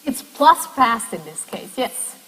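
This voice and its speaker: A woman's voice: a little high, very animated, slow pace, fairly bright tone, husky. A woman lecturer in a classroom lecture, explaining step by step and putting questions to the class. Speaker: university lecturer. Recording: long echo of a lecture hall.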